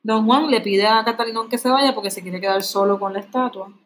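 A woman lecturing on a classic play in a relaxed, chatty way. She retells scenes loosely, drops in slang and a few English words, and has a medium-pitched voice. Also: fairly quick, slight background noise, low-quality recording. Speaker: literature teacher.

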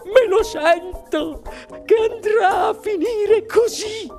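A man puts on a panicked, shrill mother with a piercing, very high voice that stretches every word into a slow wail. She shrieks and scolds without pause in a storybook reading, with soft music underneath. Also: lively intonation, exaggerated voice. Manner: shrieking, frantic, drawn-out wails. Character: shrill hysterical plump mother, middle-aged woman. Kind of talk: audiobook character voice.

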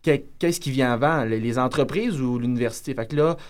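A man's voice: mid-range voice, fairly quick. A man with a Quebec French accent from Rimouski, a stand-up comedian talking in a loose, rambling way in a casual podcast conversation.

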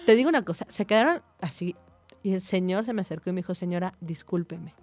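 Animated Mexican woman telling a story. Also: medium pitch, quick pace. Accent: Mexican Spanish. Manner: animated, tells anecdotes with quoted dialogue. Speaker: psychologist, guest or co-host. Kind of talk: casual conversational storytelling.

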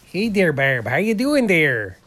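A man's voice: fairly high pitch, sing-song, measured pace, a bit bright, full character voice. A man playing a goofy, heavyset portrait painter in an improvised comedy interview, drawling and rambling with lots of "uh" and "there".

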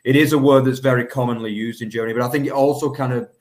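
A man's voice: mid-range voice, fairly even intonation, rapid-fire, darkish tone. A man co-hosting a football podcast, talking in a rambling way with many fillers like "obviously" and "you know". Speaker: podcast co-host. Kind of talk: casual football chat.

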